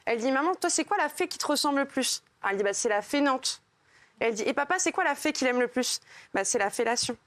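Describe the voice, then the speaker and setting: Woman, high voice, slangy joke telling, dry close sound. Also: expressive, fast, fairly bright tone, dry recording. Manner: casual slangy joke delivery. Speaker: joke teller. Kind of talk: telling jokes on a TV comedy show. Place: TV studio.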